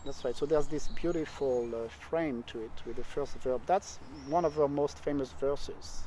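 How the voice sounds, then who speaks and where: A man, a literary scholar, discussing a poem in relaxed conversation and getting animated when he tells stories. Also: mid-range voice, normal speed, slight background noise, poor audio. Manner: animated, speeds up and gets excited when telling stories.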